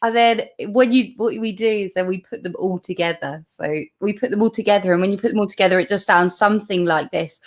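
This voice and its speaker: Talking fast with hardly any pauses, this woman has a mid-range voice. She's a laughter yoga leader on a casual video call, guiding laughter exercises in a bubbly, encouraging way and frequently dissolving into laughter mid-explanation.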